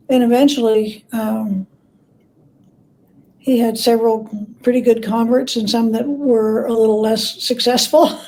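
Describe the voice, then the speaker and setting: With a mellow, fairly high voice, this scholar is an interview guest who explains conversationally, halting thoughtfully and self-correcting as she goes. The recording quality is poor.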